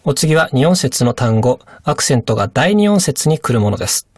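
A woman teaching a radio language course, giving calm, measured explanations and translations. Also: a bass voice, breathy edge, dry recording, clean studio sound. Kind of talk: scripted lesson explanation.

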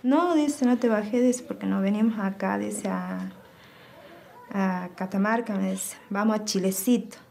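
A woman with an Argentine accent giving personal testimony, recounting events by quoting dialogue in a low, subdued way. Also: steady tone, measured pace, creaky, a little mellow, slight background noise. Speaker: interviewee.

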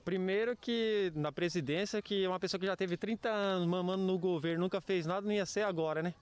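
A man's voice: high-pitched, fast talker, smooth. A young man, a truck driver, giving a blunt, plain-spoken street interview outdoors into a handheld mic. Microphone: handheld reporter mic.

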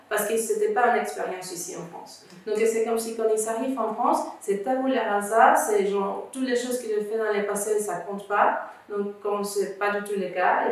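A woman from Venezuela, a guest in an interview, earnestly explaining things step by step. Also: medium pitch. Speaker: guest, founder of a refugee student association. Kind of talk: conversational interview. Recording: echoey room, distant mic.

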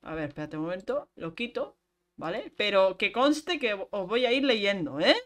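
A chatty young woman, streaming a game. She keeps up a running talk with her audience and breaks into quick laughs. Her voice sits at an ordinary middle pitch. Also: animated. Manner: chatty, talks to chat while playing, quick laughs. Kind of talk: casual gameplay chat.

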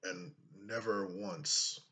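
Speaking into a webcam in a small room, this thirty-something YouTuber records a casual vlog in a deep voice. His tone is steady, bright and forceful, and he takes his time, thoughtful and full of fillers.

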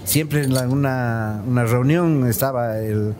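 A man in his sixties from Bolivia, a comedian and dental technician, chatting as a guest in a relaxed, storytelling way and calling the host brother. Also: mid-range voice, slow pace, noisy background. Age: 60s. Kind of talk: casual interview chat. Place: studio set with a round table, at night.

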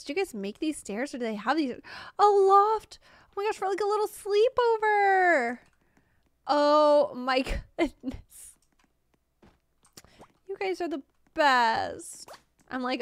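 A young woman live-streaming a game, gushing with excited exclamations as she chats to her viewers. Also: sits high, clear, resonant tone, no room sound, clean studio sound. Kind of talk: live gameplay stream chat.

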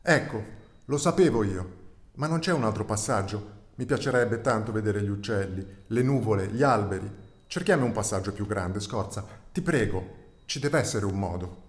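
Give me a pleading young calf, wistful and loud, read by a man. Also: lowish voice, brisk, lightly acted. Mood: longing. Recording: roomy echo.

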